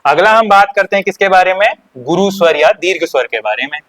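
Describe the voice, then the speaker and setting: A man teaching an exam-prep class with an Uttarakhand accent, his voice pitched a little high. He keeps asking his students questions and then answering them himself. Key points get repeated as he moves through the lesson. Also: animated, brisk, a bit bright. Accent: Uttarakhand Hindi.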